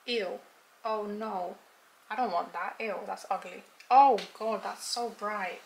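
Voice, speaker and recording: A woman's voice: medium pitch, steady tone, slow, creaky, a bit bright, slight background noise, rough recording. A woman chatting casually in her bedroom as she films a vlog, swearing freely and mocking herself. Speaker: vlogger.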